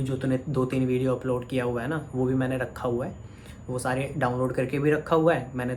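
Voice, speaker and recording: A man's voice: medium pitch, a little mellow, slight background noise. A man speaks in a mid-range voice, lecturing a commenter head-on. His heated rant runs on in short, pointed phrases. It is a vlog talk aimed straight at the camera. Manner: scolding, addresses a commenter directly. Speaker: vlogger.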